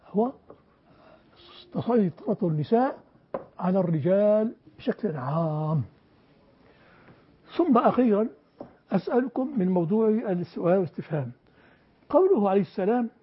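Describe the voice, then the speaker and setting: Older man lecturing in a husky voice. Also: high voice. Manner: emphatic, quizzes students. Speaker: teacher. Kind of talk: classroom lecture. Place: classroom with a board. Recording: dull lo-fi lecture recording.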